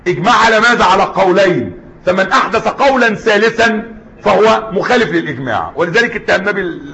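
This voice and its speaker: A man's voice: high-pitched, a bit bright, a little hiss or hum. A man with an Egyptian Arabic accent teaching Islamic jurisprudence in a class lecture, switching between formal and colloquial Arabic and putting questions to the students. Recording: dull lo-fi lecture recording.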